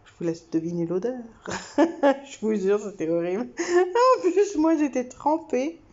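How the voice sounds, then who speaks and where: A young woman from France, vlogging, tells a story casually to camera in a high-pitched, slightly slow voice. The sound is lo-fi, and her chatty delivery is full of fillers, laughs and animated swings.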